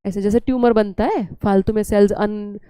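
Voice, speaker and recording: A woman's voice: medium pitch, steady tone, moderate pace, dark tone, smooth, no room sound. A young woman teaching biology in a chatty, scolding lecture style, often slipping English terms into her talk.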